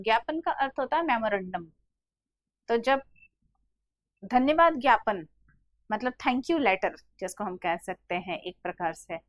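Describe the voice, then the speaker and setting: Middle-aged female teacher, high voice, dry close sound, patient explainer for online exam prep. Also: a bit bright, no echo. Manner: explanatory, addresses students as "beta". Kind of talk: exam-prep Hindi lesson.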